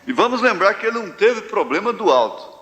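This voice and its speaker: A Brazilian pastor preaching a live sermon, telling homespun stories with slow, drawn-out phrases. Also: male voice, sits high, sing-song, fairly bright tone. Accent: Brazilian Portuguese, central-west. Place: large church hall. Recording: live church hall reverb, faint ambience.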